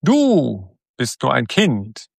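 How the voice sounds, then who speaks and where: A man voicing a huge, menacing fog king who speaks slowly and coldly. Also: wildly swooping pitch, gravelly, husky, no echo, clean studio sound, full character voice. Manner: slow, booming, cold.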